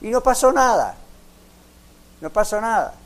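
A man's voice: sits high, sing-song, measured pace. A man preaching a radio sermon, emphatic, with rhetorical questions and mimicked voices of doubters.

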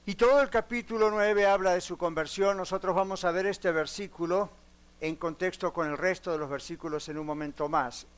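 Spanish-speaking pastor preaching a sermon. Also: male voice, sits high, fairly even intonation, brisk. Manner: earnest, direct questions to the congregation; mixes in English words. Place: church sanctuary. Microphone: broadcast on radio and online.

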